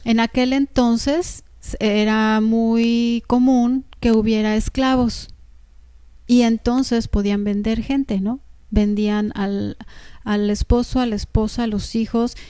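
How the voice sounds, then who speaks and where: Woman pastor, slow measured sermon, mellow smooth voice, dry sound. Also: fairly high pitch, fairly even intonation, no echo. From Mexico. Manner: slow, measured, explanatory with rhetorical questions. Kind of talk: sermon reading and explaining scripture. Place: church service.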